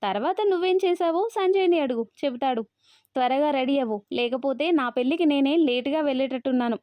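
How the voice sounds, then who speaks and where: A lively, teasing young bride in a storybook telling, read by a woman. She sounds high and brisk. The recording is dry and dull. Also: no echo, close to an everyday voice.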